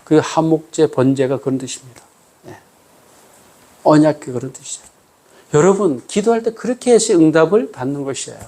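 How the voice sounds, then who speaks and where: A male pastor delivers a conversational sermon, frequently asking the congregation call-and-response questions and varying his pace for emphasis. His voice is a little high and dark-toned, brisk, with long pauses.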